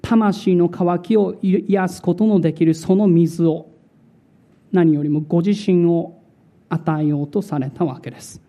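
A male pastor preaching a sermon in a slow, dramatic way, repeating words for emphasis. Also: fairly high pitch, fairly even intonation, warm tone.

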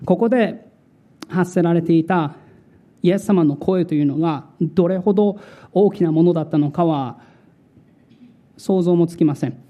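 A male pastor preaching a sermon in a slow, dramatic way, repeating words for emphasis. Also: on the high side, dull audio.

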